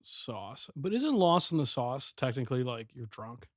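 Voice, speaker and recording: Male co-host, mid-pitched, wry deadpan quips, dry close sound. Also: moderate pace, dry recording. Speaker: podcast co-host. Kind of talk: casual comedic chat.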